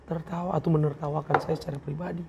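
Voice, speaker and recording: A man's voice: on the high side, flat delivery, quick pace, creaky, lo-fi sound, noisy background. A man giving an earnest, emotional personal testimony as an interview guest, acting out the words of others as he tells it. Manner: earnest, emotional, acts out quoted speech.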